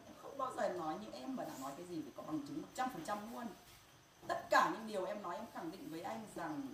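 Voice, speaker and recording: A grieving middle-aged mother speaking in a pained, insistent way and repeating herself, during a heated family confrontation. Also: fairly low pitch. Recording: echoey room, distant mic, noisy background.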